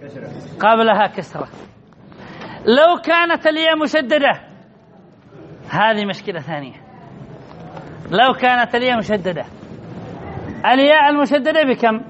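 A man with a strikingly high voice leads a grammar lesson. He quizzes his listeners and answers his own questions, repeating the key words. The recording sounds muffled and lo-fi, with a faint hiss behind him. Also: sing-song, normal speed, pauses often, fairly bright tone. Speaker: grammar teacher. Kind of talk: classroom lesson on Arabic grammar. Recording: dull lo-fi recording with faint noise.

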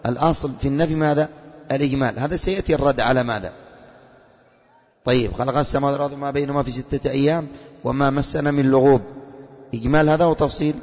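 A man teaching at a fast clip. He fires quick questions at his students and calls them by name. The sound is muffled, with a long hall echo. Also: mid-range voice, a little mellow. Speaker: teacher of a religious lesson.

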